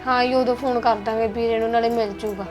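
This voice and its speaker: A woman's voice: a little high, fairly even intonation, quick pace, natural voice. A young woman with an Indian Punjabi accent plays a sad young wife in a village family drama and speaks plaintively. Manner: plaintive, complaining. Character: young wife sad that her mother is gone. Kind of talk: village web drama acting. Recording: background music under dialogue.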